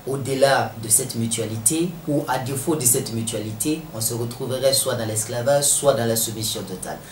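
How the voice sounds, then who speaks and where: A man asking interview questions in a formal, measured and wordy manner. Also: medium pitch. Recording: echoey room with faint background noise.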